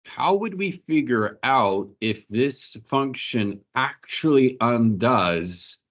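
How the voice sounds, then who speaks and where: A man's voice: mid-range voice, lively intonation, slow pace, a bit bright. A male math teacher lecturing a class, questioning students and walking them through each step.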